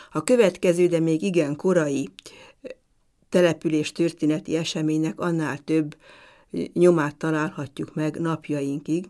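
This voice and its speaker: Woman giving a measured academic lecture. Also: low voice, dark tone. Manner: measured, deliberate delivery with occasional hesitations. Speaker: university lecturer.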